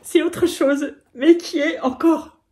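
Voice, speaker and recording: A woman vlogging an unboxing in a casual chat, bubbly and excitable, often breaking into giggles. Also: high voice, takes it slowly, slight background noise.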